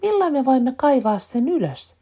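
A curious, impatient little piglet girl, as a woman reading a storybook puts her on, her questions bursting out high and excited. The voice is husky and pushed well above the reader's own. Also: heavily acted.

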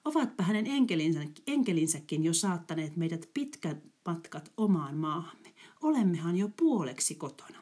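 A woman's voice: lowish voice, sing-song, warm tone, husky. A woman voicing a young boy, full of faith, earnest and reassuring in a storybook reading. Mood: hopeful.

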